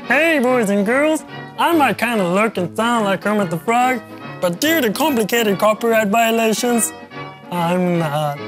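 A man's voice: high voice, lively intonation, unhurried, over music, voice pushed up. A man voicing a cheerful small male frog puppet who talks chirpily to kids. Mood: cheery.

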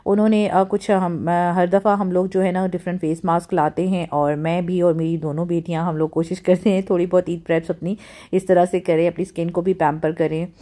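A woman's voice: lowish voice, flat delivery, brisk, mellow. A middle-aged woman from Pakistan, narrating her home vlog in a chatty way, with many fillers and English words mixed in. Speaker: vlogger.

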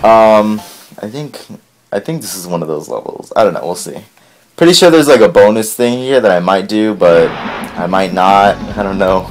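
A man gives rambling, casual commentary over gameplay, turning excitable and swearing whenever things go wrong. His voice sits fairly low and sounds a little strained from a recent bout of voice loss. Game music plays faintly behind him. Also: moderate pace. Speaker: let's play host.

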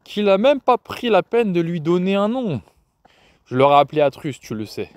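A man voicing an elderly grandmother who is gentle but firm, by turns pleading and indignant. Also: high voice, very animated, normal speed, no echo, dull audio, voice pushed up.

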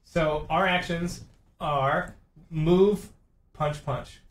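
A man's voice: on the high side, drawn-out words. A man playing a board game on a stream, explaining the rules and steering the turn. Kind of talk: casual game-night banter on a stream. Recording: echoey room, mic at a distance.

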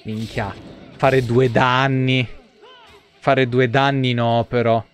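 A young man gives casual live game commentary, muttering and swearing in exasperation to his viewers. His voice is mid-range, level and slow, with video game music playing behind him.

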